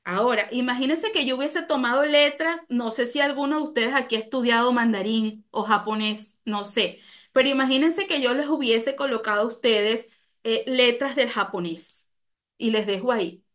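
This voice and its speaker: Higher-pitched Venezuelan woman teaching. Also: moderate pace, a bit bright. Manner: explains patiently, repeats key phrases, asks the audience questions. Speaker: psychopedagogue giving a talk. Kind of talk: live online talk to an audience.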